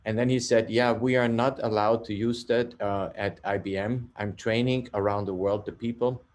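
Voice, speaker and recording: Austrian-accented man, low voice, storytelling. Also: normal speed. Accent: Austrian German. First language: German. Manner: animated storyteller, repeats words, tags sentences with "yeah?". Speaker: guest, software company CEO. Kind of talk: interview storytelling.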